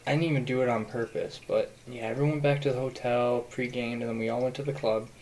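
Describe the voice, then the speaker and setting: A young man chats casually on a podcast, winding through a story with lots of fillers. His voice sits at an ordinary middle pitch. A faint hiss of noise runs underneath. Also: steady tone, quick pace, a little mellow, rough recording. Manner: rambling storyteller, many fillers. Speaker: podcast host. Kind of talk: casual chat.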